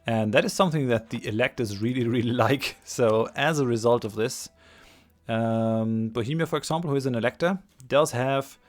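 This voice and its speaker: A man's voice: mid-range voice, normal speed. A man with a congested, stuffy-nosed voice from a cold, giving let's play commentary as host, hesitant and repeating phrases for emphasis. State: has a cold. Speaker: gaming channel host.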